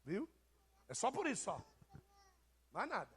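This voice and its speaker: High-voiced Brazilian preacher teasing his flock. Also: wildly swooping pitch, a little slow, a bit bright, breathy edge. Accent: Brazilian Portuguese. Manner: teasing, joking with congregation members. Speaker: apostle preaching to his congregation. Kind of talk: informal sermon to a live church.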